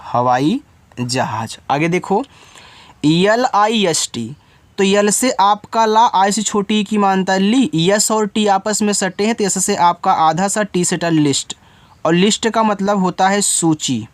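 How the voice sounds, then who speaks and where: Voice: medium pitch, measured pace, no echo. A teacher giving a step-by-step spelling lesson, spelling each word out letter by letter and then explaining it directly to the learner in an informal way. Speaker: English teacher.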